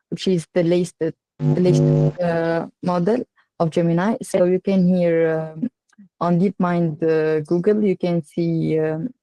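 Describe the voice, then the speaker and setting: A woman with a North African, Tunisian accent presents an online workshop in a halting way with frequent filled pauses. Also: on the low side, dark tone, no room sound, poor audio. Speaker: workshop speaker, AI engineer. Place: online video call.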